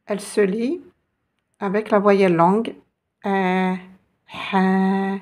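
A woman teaching an online language lesson, slow and patient, often repeating sounds for her students. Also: medium pitch, steady tone, darkish tone. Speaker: Arabic teacher.

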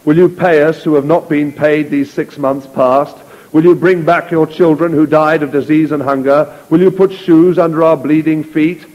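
A man voicing a bitter male sergeant who leads a mutiny and speaks quietly and steadily, read aloud in an echoey hall. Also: on the high side, fairly even intonation, normal speed, lightly acted. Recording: echoey hall, dull lo-fi recording.

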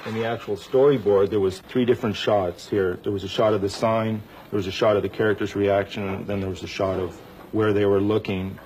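Brief: male layout artist in documentary interview, very low monotone, noisy background. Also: fairly quick. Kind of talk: explaining work in a documentary interview. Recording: noticeable background noise.

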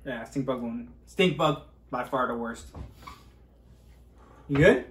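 A man's voice: mid-range voice, slow pace, a bit bright. A man chatting casually and egging on his friend in competitive banter while eating gross jelly beans. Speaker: host of a food challenge video. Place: small room at a table, indoors. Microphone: camera a few feet away. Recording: roomy echo, faint background noise.

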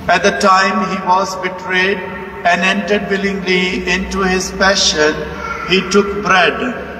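A man, a priest, reciting the prayers of the Mass in a measured, solemn manner, his voice echoing through a large cathedral. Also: sits high, level tone. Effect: cathedral echo. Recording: echoey cathedral, distant mic, faint hum.

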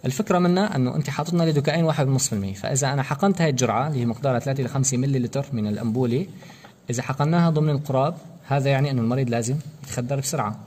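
A man races through a hands-on anesthesia lecture, explaining each step of the procedure and testing students with rhetorical questions. His voice has a medium pitch and a darkish tone.

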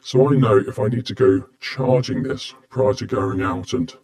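A man's voice: medium pitch, normal speed, gravelly, a little mellow. Man talking through a face mask. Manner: plain, matter-of-fact explaining. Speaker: product reviewer. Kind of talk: casual product review.

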